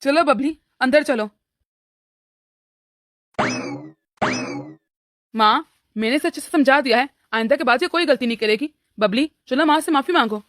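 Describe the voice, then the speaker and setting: Cartoon husband, a woman playing him: weak, lecturing, high and fast-talking. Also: a bit bright, dry recording. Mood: placating. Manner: lecturing, placating. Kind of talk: cartoon story voice acting.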